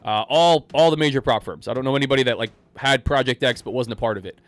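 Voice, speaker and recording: Talking fast at a medium pitch with no echo, this man hosts a live day-trading stream while nasal from a cold. He keeps it casual, welcoming viewers by name.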